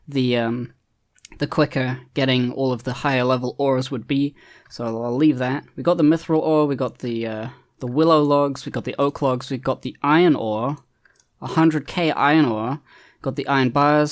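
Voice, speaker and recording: Rambling man narrating his gameplay. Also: medium pitch. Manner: rambling, hesitant, many ums and restarts. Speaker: gaming video creator. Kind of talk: casual gameplay commentary.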